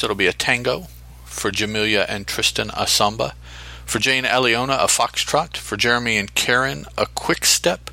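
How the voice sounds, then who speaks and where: Man with a dry, sharp voice. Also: medium pitch, no room sound. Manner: halting, with restarts and counting aloud. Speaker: podcast co-host. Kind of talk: casual chat.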